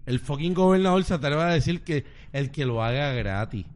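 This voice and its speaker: A man's voice: a little high, lively intonation, a little fast. A Puerto Rican man in a casual group chat, speaking with passion, cursing freely and repeating his points for emphasis.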